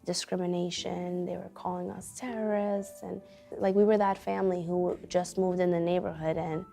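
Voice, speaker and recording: Young teacher woman from afghanistan telling her story, earnest, lots of likes and you knows, gravelly mellow voice, soft music under it. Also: fairly low pitch. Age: young adult. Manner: earnest, reflective, many fillers like "like" and "you know". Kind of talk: documentary interview testimony.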